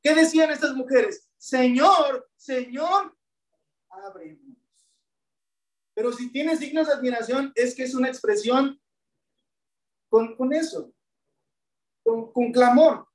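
Woman preacher giving a sermon, slow and high, keeps asking the crowd questions, echoey far-off mic. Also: a little mellow. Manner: asks the congregation rhetorical questions, addresses them as brethren. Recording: echoey room, voice from a distance.

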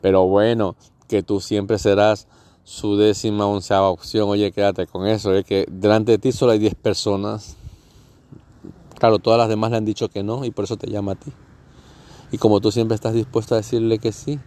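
A man's voice: on the low side, flat delivery, normal speed, warm tone. A man from Catalonia, hosting a podcast in a sarcastic, profane comedic monologue. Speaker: podcast host.

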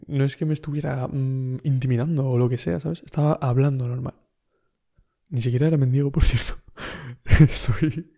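Un hombre con acento de España que cuenta una anécdota en tono informal, relajado y con risas frecuentes. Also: male voice, mid-range voice, creaky, warm tone. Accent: Spain Spanish. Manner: laid-back anecdotal, laughs often, slangy. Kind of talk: casual storytelling.

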